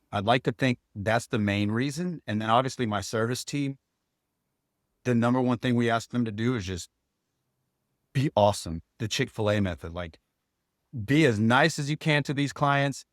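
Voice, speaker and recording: A man talking candidly as a guest in a podcast interview, relaxed, with frequent restarts. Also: mid-range voice, no room sound, clean studio sound. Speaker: guest insurance agent.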